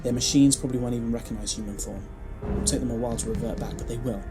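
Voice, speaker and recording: An actor in an audio drama playing the Doctor, a brisk, grave and protective time traveller who speaks with urgent emphasis. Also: mid-range voice, fairly even intonation, over loud music, close to an everyday voice. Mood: urgent warning.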